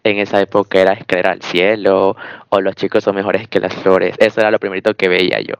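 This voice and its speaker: Young Ecuadorian guy, low voice, dry close sound, laid-back interviewee. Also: fast talker, clear, resonant tone, no room sound, lo-fi sound. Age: 20s. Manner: relaxed, agreeable, many short "ujú" acknowledgements. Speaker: guest. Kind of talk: casual interview answers.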